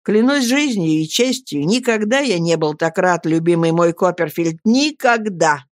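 A reader voicing an excitable, warm-hearted young male lawyer who exclaims and showers his friend with endearments. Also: medium pitch, unhurried, no room sound, studio quality, lightly acted. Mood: overjoyed. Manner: effusive, exclaiming, repeating endearments. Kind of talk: audiobook character reading.

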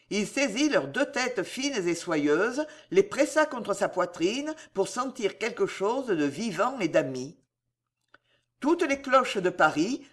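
A man's voice: high-pitched, a bit bright. A man reading a historical novel aloud as an audiobook, in a dramatic, theatrical narration. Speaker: audiobook reader.

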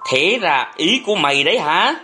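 A man's voice: a little high, sing-song, moderate pace, bright, forceful tone, faint music behind, pitched above the performer's own voice, heavily acted. A man voicing a stern old schoolmaster who scolds his son in a storybook reading. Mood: angry. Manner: scolding, authoritative.

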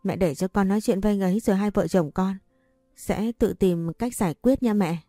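A woman's voice: mid-range voice, brisk, warm tone, dry recording, studio quality, soft background music, lightly acted. A woman voicing a young wife who begs and stammers through tears in a storybook reading. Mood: tearful. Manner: stammering, begging. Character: young wife, tearful and pleading.

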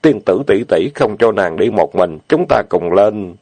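A man's voice: lowish voice, expressive, measured pace, mellow, breathy edge, no room sound, full character voice. A man playing a cheeky young general. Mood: teasing, pleading.

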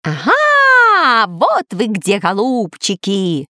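A woman playing a shrill gloating parrot villain. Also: huge pitch swings, very slow, no room sound, studio quality, full character voice. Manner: gloating, squawking shouts.

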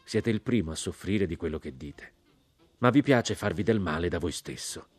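A man voicing a polite, earnest American general in an audiobook, speaking mildly and measured. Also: low voice, lively intonation.

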